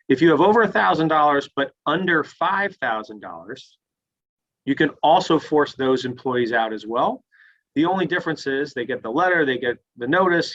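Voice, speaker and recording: A man's voice: medium pitch, pushed and bright, dull audio. A man presenting a webinar and answering questions step by step, heard as screen-recorded online call audio. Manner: plain, step-by-step, starts sentences with "so". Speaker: webinar presenter on retirement plans. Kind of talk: explaining and answering audience questions.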